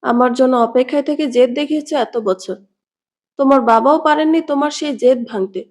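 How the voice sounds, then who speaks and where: A desperate young lover who pleads and reproaches by turns, as a woman reads his part. He sounds high for a man, and the delivery is a storybook reading rather than full acting. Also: moderate pace, a little mellow, lightly acted. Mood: bitter.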